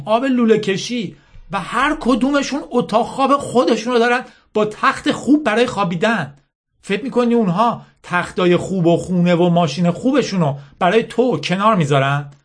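A man's voice: sits high, pitched above the performer's own voice. A man voicing a bitter, scornful teenage girl who leads an army, lecturing with hammering rhetorical questions.

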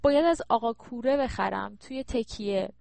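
A woman voicing a brisk, coaxing woman. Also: a little high, gravelly, a little mellow, no echo.

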